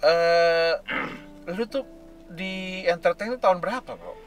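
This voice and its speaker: A man hosts a casual interview, putting curious questions and giving short, encouraging replies. His voice sits a little high, and faint music plays behind him. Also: slow pace. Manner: brief encouraging back-channels, curious questions. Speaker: interview host.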